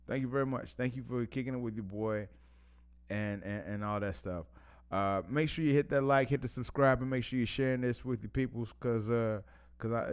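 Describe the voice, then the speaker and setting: A man hosting a casual live stream, rambling in relaxed slang, chuckling between phrases and often losing his thread and starting over. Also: medium pitch. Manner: rambling, loses track and restarts often.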